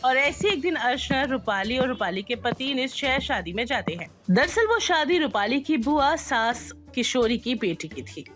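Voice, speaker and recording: A woman narrating an animated moral story in a scripted, expressive storyteller manner. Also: high-pitched.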